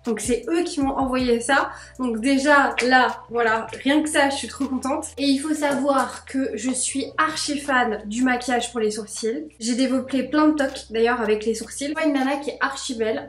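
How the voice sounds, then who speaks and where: A woman's voice: a little high, reverberant. Bubbly, chatty young woman vlogger. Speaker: beauty vlogger. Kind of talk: casual chat to camera.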